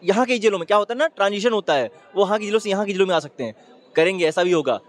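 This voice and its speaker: A man with a high voice makes his case in a street opinion interview. He talks fast and emphatically, piling point on point, and keeps urging the listener to look. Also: faint music behind. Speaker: interviewee giving public opinion.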